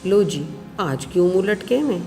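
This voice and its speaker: A wise, unhurried mother bird from a storybook, as a woman storyteller puts her on. She speaks lower and softer than the narration, soothing and affectionate. Faint music plays softly behind. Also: lively intonation. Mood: calm loving. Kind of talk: storybook character voice.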